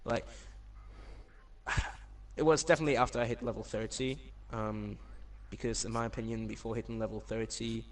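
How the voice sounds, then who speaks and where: A man's voice: mid-range voice, fairly even intonation, normal speed. A man chatting casually as a podcast guest, talking in an informal, anecdotal way. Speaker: podcast guest, competitive gamer. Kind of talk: casual chat.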